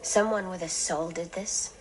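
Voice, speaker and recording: A woman's voice: on the low side, steady tone, normal speed, noisy background, natural voice. A young woman playing an intense, determined teenage girl in a TV drama. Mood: shaken, determined. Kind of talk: TV drama acting.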